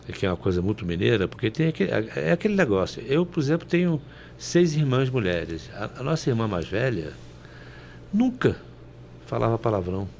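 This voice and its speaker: A man's voice: medium pitch, sing-song, fast talker, creaky, a little mellow, slight background noise. A man from Brazil commenting on politics on a panel show, folksy and anecdotal, often ending with "né?".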